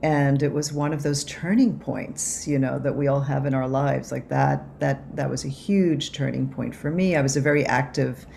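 A woman from Cuba, an author and anthropologist, answering interview questions over a video call in a reflective way with many pauses and restarts. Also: very deep voice, fairly even intonation, vocal fry, darkish tone, slight background noise. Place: home office.

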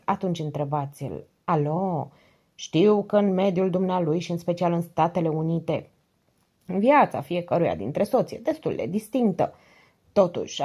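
A woman's voice: fairly low pitch, warm tone, breathy edge. A woman reading the lines of a stern middle-aged male police commissioner in an audiobook, curt and businesslike on the phone.

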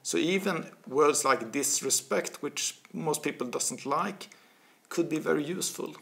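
Gravelly yet bright, this Swedish-accented man's voice sits a little high, and his pace is measured. He's an author appearing as a guest for casual interview talk, animated and gesturing, repeating words as he searches. The desk studio mic is in a small office studio with bookshelves.

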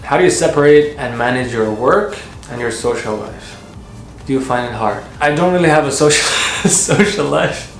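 A man in his twenties casually answering viewer questions in a relaxed, chatty way, with lots of fillers and restarts. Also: medium pitch, normal speed, faint music behind. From Canada and Qatar. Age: 20s. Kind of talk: casual Q&A vlog. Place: home office, then outdoor courtyard. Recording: echoey room with clear background noise.

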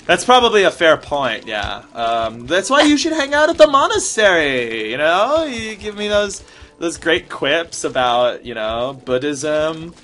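A bright, ringing voice of an airheaded Buddhist monk drawling in a California Valley Girl accent, as a man puts it on. Every thought runs through "like" and "totally," sunny and clueless. A man playing the monk for an improvised comedy bit. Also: a little high, big pitch swings, a little slow. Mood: ditzy. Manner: ditzy, peppered with "like" and "totally".

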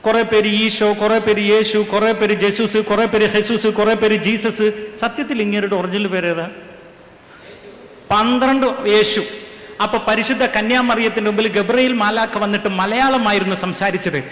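Man preacher, higher voice, pushes the congregation to answer him, reverberant hall. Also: steady tone, moderate pace, few pauses, a bit bright. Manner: rhetorical questions, urging the crowd to answer aloud. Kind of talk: sermon to a congregation. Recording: echoey hall with faint ambience.

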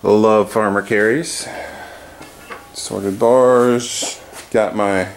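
A man's voice: lowish voice, drawn-out words, a little hiss or hum. A man in his thirties chatting casually in a vlog, filmed on a handheld camera outside his house and in his garage. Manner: relaxed, rambling with fillers. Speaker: fitness vlogger. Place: outdoors by a house, then a garage. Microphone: handheld camera at arm's length.

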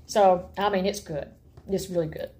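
A middle-aged woman with an Appalachian accent, chatting casually to camera in a folksy, animated, expressive way. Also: on the low side, moderate pace, faint music behind. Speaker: homeschooling parent and vlog host. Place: indoor room at home.

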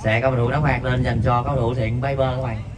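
Commentating live on amateur five-a-side football outdoors under floodlights at night, a man keeps a level tone and talks a little fast. He's far from the mic against a noisy background, reading viewer messages between plays and jumping sharply higher on shots.

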